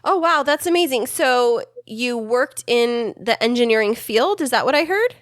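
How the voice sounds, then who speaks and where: A woman's voice: a little high, animated, normal speed, fairly bright tone, no room sound, clean studio sound. A woman from Southern California co-hosting a podcast, upbeat and encouraging as she asks her guests questions. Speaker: podcast co-host. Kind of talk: casual interview chat.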